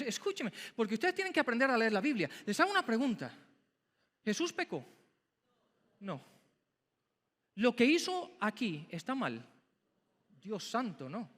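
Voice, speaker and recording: A man's voice: very high-pitched, pushed and bright. A man preaching a sermon, dramatic and emphatic, firing rhetorical questions at the congregation. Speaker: pastor. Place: church sanctuary. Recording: long church hall reverb. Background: church hall reverb.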